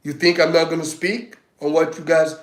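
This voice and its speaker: Here the self-proclaimed governor from Africa speaks in a level tone at a moderate pace, his voice leaning high. The livestream monologue is heated and emphatic, full of restarts as he drives points home, and the low-quality audio sounds roomy.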